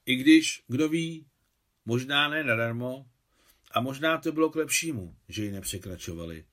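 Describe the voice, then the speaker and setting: A man narrating a short story in a measured, even reading voice. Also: medium pitch. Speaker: audiobook narrator.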